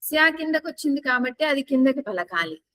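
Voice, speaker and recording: A woman teaching a class, who chants verses slowly, repeats each line, then explains the tone marks in plain speech. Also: high-pitched, expressive, fairly bright tone. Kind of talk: class on reciting a scripture with its commentary.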